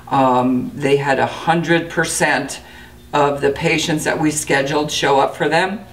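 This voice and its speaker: A woman in her sixties, a dental clinic director, giving a steady, matter-of-fact interview with frequent fillers. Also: extremely low pitch, creaky, far from the mic. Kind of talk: interview to camera. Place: indoor clinic room.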